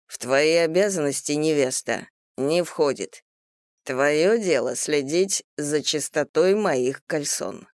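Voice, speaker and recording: A woman's voice: sits low, a little mellow, no room sound, clean studio sound. A woman doing a blunt, bossy rich man. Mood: mocking. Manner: curt, rude, slow and heavy.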